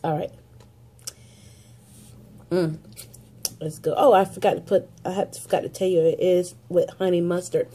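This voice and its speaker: A woman in her forties with a stuffy head cold speaks in a lowish, dark, slightly rough voice, keeping a steady tone and moderate pace while pausing often. Chatty and easy to laugh, she talks to a phone or webcam at arm's length for a casual daily vlog shot indoors at her office, in the car and at home.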